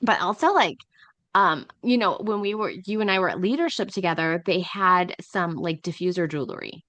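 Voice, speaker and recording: A woman's voice: on the low side, moderate pace, fairly bright tone, no room sound. A middle-aged woman co-hosting a podcast, rambling casually with lots of "like" and "um". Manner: rambling, filler-heavy, uses many "like"s. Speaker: podcast co-host.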